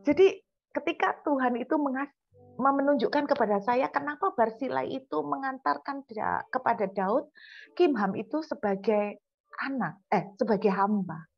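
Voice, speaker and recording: Female preacher, husky and slightly high voice, earnest sermon delivery, dull recording with faint music behind. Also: lively intonation. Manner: earnest, stretches key words slowly for emphasis.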